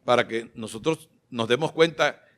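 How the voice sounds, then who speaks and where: Male pastor, bright edgy tone, impassioned fervent sermon delivery. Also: mid-range voice, normal speed. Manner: impassioned, rises to loud fervent exclamations and gets choked up. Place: church sanctuary.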